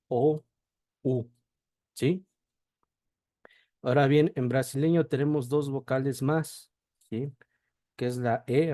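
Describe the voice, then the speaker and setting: Slow, deliberate male language teacher. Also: medium pitch, dark tone, no echo. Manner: checks in with a constant "¿sí?" after each point; spells out sounds slowly, one at a time. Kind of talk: slow classroom explanation.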